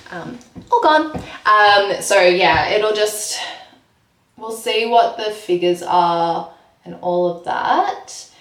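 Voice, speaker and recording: A woman's voice: medium pitch, slow, a bit bright, distant mic. Chatty woman in an echoey bathroom. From Australia. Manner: chatty, many ums and likes. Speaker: vlogger. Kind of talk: casual vlog chat. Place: home bathroom. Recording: echoey room, voice from off-mic.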